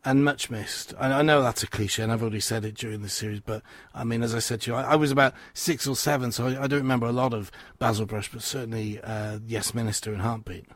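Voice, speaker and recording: A man's voice: mid-range voice, fairly even intonation, fast, few pauses, dry recording. A man hosting an interview, asking questions earnestly and enthusiastically. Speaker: radio host. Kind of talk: interview, presenting.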